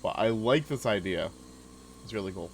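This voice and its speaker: A young man casually commenting on a game he is playing, relaxed and chatty, with many filler words. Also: fairly low pitch, normal speed, a little hiss or hum, low-quality recording. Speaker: gaming video host. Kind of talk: casual let's-play commentary.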